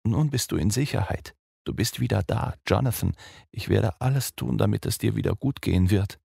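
A man voicing a soft, tender young woman. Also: lowish voice, animated, moderate pace, slightly rough, no room sound, clean studio sound, voice pushed up. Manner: soft, gentle, hushed. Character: young woman soothing her frightened fiancé.

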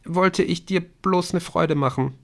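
A man's voice: measured pace, vocal fry. A man doing a panicky sobbing teenage girl. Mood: subdued. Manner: high shaky pleading voice.

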